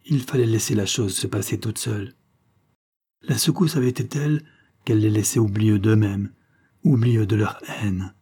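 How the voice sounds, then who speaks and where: A man narrating a literary short story in an audiobook, reading in a measured, even way. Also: on the low side, slightly rough.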